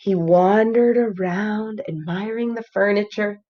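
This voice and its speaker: Female storybook reader, kindergarten-teacher delivery, slow and expressive, medium pitch, slightly muffled lo-fi recording. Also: a little hiss or hum. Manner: expressive, pauses to ask listeners questions. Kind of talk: children's storybook read-aloud. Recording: slightly dull lo-fi sound.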